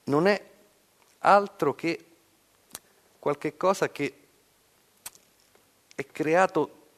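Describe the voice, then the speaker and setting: Man, literary commentary, very slow, hesitant, long reverb. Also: fairly high pitch, fairly bright tone. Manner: thoughtful, with many hesitations.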